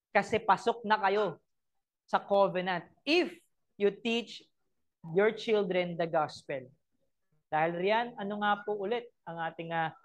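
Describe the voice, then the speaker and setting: A woman with a Filipino accent preaching a sermon, mixing Tagalog and English and asking her listeners rhetorical questions. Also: mid-range voice. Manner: switches between Tagalog and English, asks the congregation rhetorical questions; emphatic, acts out short everyday scenes.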